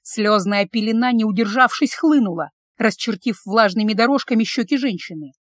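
A woman's voice: fairly high pitch, normal speed, no room sound, clean studio sound. A woman narrating a dramatic audiobook story with emotion.

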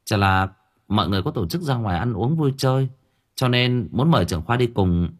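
A man's voice: medium pitch, expressive, brisk, natural voice. A man voicing a hesitant young woman nurse in an audiobook. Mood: shy. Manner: hesitant, stammering.

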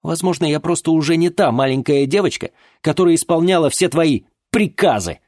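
A man's voice: lively intonation, normal speed, no echo, studio quality. A man voicing a headstrong teenage girl who argues back at her strict father in an audiobook. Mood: indignant. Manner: high, sharp and indignant. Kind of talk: audiobook character voice.

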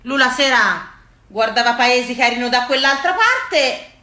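Speaking with a Tuscan accent, a woman storyteller and stage actress performs a folksy, emphatic, rhythmic monologue about rustic family memories. Her voice sits on the high side, bright and pushed, with lively intonation at normal speed, and the sound is roomy and echoey.

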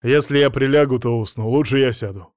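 Brief: audiobook, a man doing a gruff, quick-tempered guy who grumbles and yells, dry close recording. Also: mid-range voice, no echo, lightly acted. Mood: wary. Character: irritable middle-aged man, a suspected widower, quick to explode.

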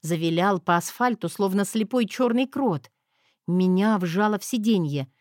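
A woman giving a wry, expressive first-person audiobook narration. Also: mid-range voice, moderate pace, no echo, clean studio sound.

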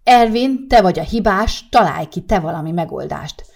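A woman's voice: fairly low pitch, gravelly, mellow. A woman doing a fretful scolding grandmother. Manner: scolding, fretful, rising exclamations. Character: fussy worried grandmother, older woman. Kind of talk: audiobook character reading.

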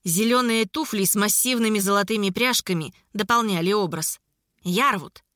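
A woman narrating a fantasy audiobook in a brisk, expressive reading. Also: medium pitch, no room sound, clean studio sound.

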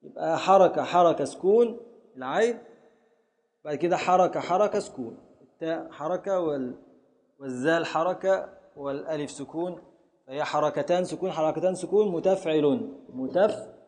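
Egyptian teacher, echoing hall. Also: male voice, a little high, normal speed, darkish tone. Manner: patient, calls on students, repeats and scans aloud. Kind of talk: classroom lesson on Arabic prosody and grammar.

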